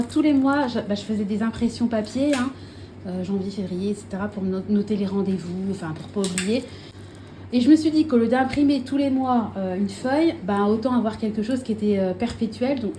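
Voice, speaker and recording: A woman's voice: mid-range voice, background noise. A woman chatting casually to camera as a vlogger, showing her purchases at home, full of fillers and self-corrections.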